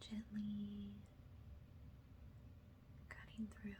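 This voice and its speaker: This ASMR energy-healing session features a woman whose medium-pitched voice is completely flat. She speaks softly and breathily, frequently whispering, and her guidance is slow, soothing and halting. The background is noisy.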